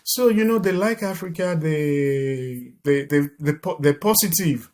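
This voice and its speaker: A middle-aged man with a Nigerian accent speaks as a podcast guest in a conversational interview, often repeating and restarting his words. His voice is on the high side and darkish in tone, and his pace is measured.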